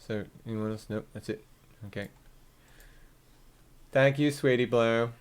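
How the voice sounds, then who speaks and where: A man hosting a live stream, chatting in a rambling, self-mocking way and thinking out loud while he works on his computer. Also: mid-range voice, fairly even intonation, measured pace, clear, resonant tone.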